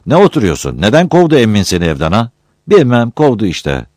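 A man's voice: lowish voice, big pitch swings, fast, a little mellow, no room sound, studio quality, pitched above the performer's own voice. A man doing a bossy village headman. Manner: bossy, commanding. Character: pompous middle-aged male village headman.

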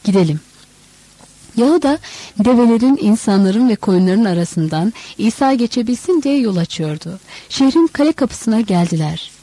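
A woman reading a novel aloud as audiobook narrator, measured and expressive. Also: fairly high pitch, no echo.

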